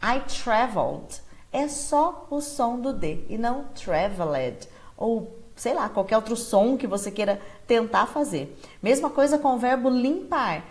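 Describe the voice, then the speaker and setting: A Brazilian woman with a slightly high voice gives a live online English pronunciation lesson, animated and constantly checking in with viewers. She slows down to say English words carefully.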